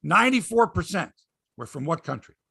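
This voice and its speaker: Exasperated sports host guy, bright forceful voice with some gravel, salty, keeps repeating himself. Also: fairly high pitch, sing-song, brisk. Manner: emphatic, exasperated, repeats phrases, rhetorical questions; salty, profane. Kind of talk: opinionated sports talk rant.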